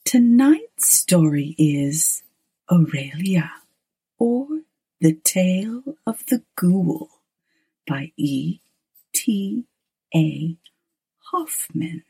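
A woman with a breathy, husky voice speaking as a theatrical horror host, drawing out words and slipping into whispers to introduce a spooky bedtime story. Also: fairly low pitch, lively intonation, drawn-out words, pauses often, warm tone.

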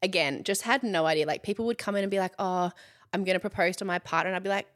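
Speaking at a quick pace, a thirties-aged Australian woman appears as a content creator guest in a relaxed interview. Her voice sits on the low side with a steady tone, and her chat is full of "like" and frequent laughter.

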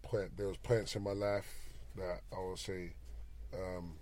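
A man's voice: sits low, little pitch movement, a little slow, a little mellow. A man with a South London roadman accent, telling stories casually in street slang and often tagging lines with "you get me". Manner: roadman way of talking with frequent "you get me" tags. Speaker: interview guest, former garage MC and rapper.

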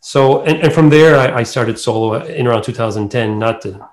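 A man's voice: medium pitch, normal speed. A middle-aged man from New Brunswick with an Acadian accent, answering interview questions in a casual, rambling way as a singer. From New Brunswick, Canada. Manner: rambling, loosely strung clauses.

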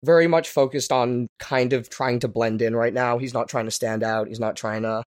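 A man talking through his character at a tabletop game in a middle-pitched voice, thoughtful and a little hesitant. The recording is dry and close. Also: fairly even intonation, normal speed, no room sound. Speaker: tabletop role-play player. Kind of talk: casual role-play table talk.

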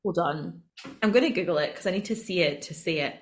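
A woman's voice: lowish voice, fast. A woman co-hosting a podcast, chatting and teasing her co-host in casual banter. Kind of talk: casual chat.

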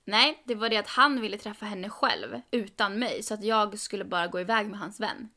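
A young woman co-hosting a podcast, telling a story in casual chat and quoting people with rising emphasis. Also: mid-range voice. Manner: animated, quoting others with "jag bara" and rising emphasis. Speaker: podcast co-host.

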